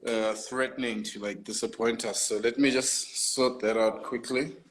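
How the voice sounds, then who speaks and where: A South African hip hop artist talks reflectively in a casual video-call interview, using plenty of fillers, picked up by a laptop or phone mic. His mid-range voice is a bit bright with fairly even intonation at a moderate pace, and the low-quality audio is reverberant with slight hiss or hum.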